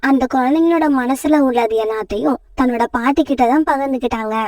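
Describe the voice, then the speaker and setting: A woman narrating a children's cartoon story in a steady, even storytelling manner. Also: high-pitched, fairly quick, dry recording, distant mic.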